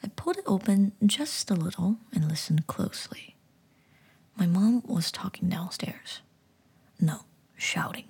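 A woman's voice: medium pitch, animated, a little slow, vocal fry, a little mellow, breathy edge. A woman narrating a first-person horror story entirely in a whisper. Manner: whispering throughout.

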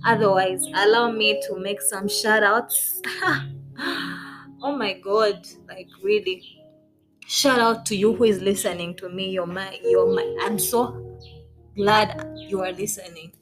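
A woman's voice: mid-range voice, steady tone, takes it slowly, pauses often, rough recording. Bubbly woman hosting a faith podcast. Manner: bubbly and effusive, laughing often. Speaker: podcast host. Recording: clear background music under voice.

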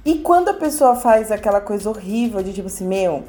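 A woman co-hosts a casual gossip chat. She talks in an expressive, playfully dramatic way. Her voice sits in a middle pitch. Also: brisk.

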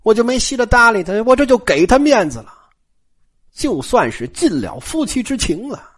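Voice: mid-range voice, sing-song, normal speed, breathy edge. A storyteller putting on a scornful old matriarch. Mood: dismissive. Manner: grumbling, dismissive.

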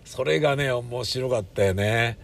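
A man's voice: mid-range voice, measured pace, vocal fry. A man, a stage actor, reminiscing casually in a wistful storytelling manner, acting out the quoted lines of others.

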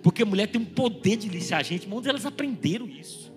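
Fast-talking, animated male pastor. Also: sits high, soft background music. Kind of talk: sermon. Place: church.

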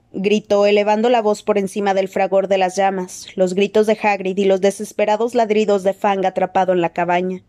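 Woman narrating an audiobook, mellow voice. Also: medium pitch. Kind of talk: scripted narration.

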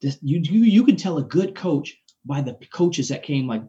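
A man's voice: on the high side, lively intonation, normal speed, mellow, dull audio. A man in his forties talking about faith in a casual conversation, enthusiastic and preacherly, often repeating words as he builds a point. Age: 40s.

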